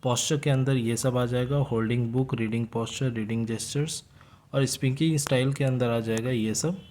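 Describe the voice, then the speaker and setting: A young man teaching from study notes in a casual lecture style, explaining at a conversational pace and slowing down to read English lines. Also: medium pitch, steady tone, a little mellow, a little hiss or hum.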